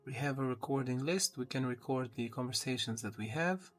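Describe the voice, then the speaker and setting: Soft music plays behind a man speaking a little fast in a medium pitch. He's doing a relaxed unboxing walkthrough, offering step-by-step, casual tech review commentary as he handles a device.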